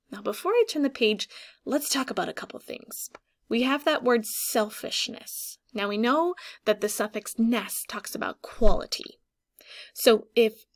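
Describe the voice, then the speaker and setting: Doing an interactive read-aloud for young kids, a woman teacher speaks in a fairly high voice. She sounds expressive and instructive, leaning on key words and pausing once she's asked a question.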